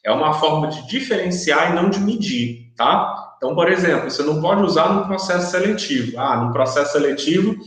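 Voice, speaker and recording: In a very echoey room, a man records an online university lecture, explaining step by step and frequently tagging his points to check that students follow. His voice is a little high and a bit bright, animated and fairly quick with few pauses.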